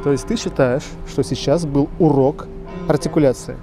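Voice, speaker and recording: Over music, a man in his thirties with a fairly high voice and moderate pace hosts a casual street quiz show, doing a comic street interview. Joking and mock-serious, he rambles with crude slang into a handheld reporter microphone outdoors.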